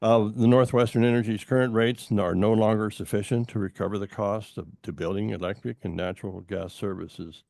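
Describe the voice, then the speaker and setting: An older man from Montana gives formal public testimony as a commenter at a utility hearing. His very low, gravelly, dark voice stays steady, but he halts often, restarting phrases and using fillers. The recording is dry and close.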